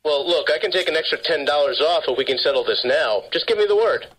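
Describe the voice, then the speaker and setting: A man's voice: a little high, expressive, quick pace, fairly bright tone. Garbled man on a breaking-up phone line. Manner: scripted, repetitive sales-call delivery. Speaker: prank caller posing as phone company.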